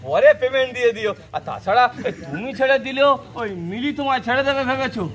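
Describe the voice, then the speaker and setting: A man's voice: very high voice, fast talker. A man playing a scheming son who profits from family quarrels, declaiming theatrically in an amateur stage play. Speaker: stage actor. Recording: loud crowd noise.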